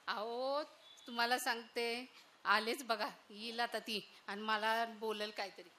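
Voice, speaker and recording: Cantankerous old village mother-in-law, played by a woman, high bright voice. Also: takes it slowly, full character voice. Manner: grumbling, loud calls and complaints. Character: older village mother-in-law, scolding, self-pitying. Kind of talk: solo stage monologue.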